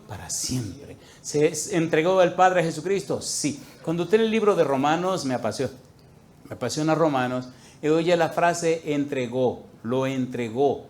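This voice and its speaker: A man preaching a sermon to a congregation, telling a story with acted-out dialogue and swinging between loud outbursts and quiet asides. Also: a little high, slight background noise. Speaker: pastor. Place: church, before a congregation.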